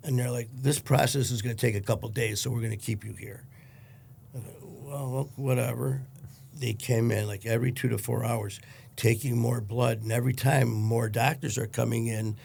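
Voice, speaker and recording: A man's voice: mid-range voice, vocal fry, slight background noise. A middle-aged man from Detroit, a podcast guest, telling a blunt, profane story with lots of quoted dialogue. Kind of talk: casual storytelling.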